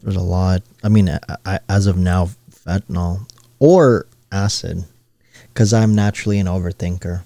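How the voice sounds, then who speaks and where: A man's voice: low-pitched, fairly even intonation, normal speed, dark tone. A young man co-hosting a podcast in casual chat, tossing out jokes and rambling questions. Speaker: podcast co-host.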